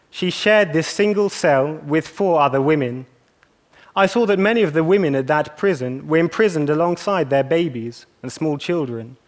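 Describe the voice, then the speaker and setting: Earnest young man with a higher voice. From England. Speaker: speaker. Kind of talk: scripted talk.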